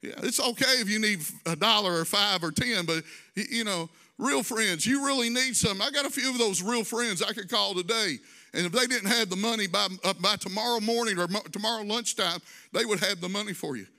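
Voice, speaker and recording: A man's voice: high-pitched, fairly quick, sharp tone. A male pastor preaching a conversational sermon, drawing phrases out in a sing-song and adding folksy asides.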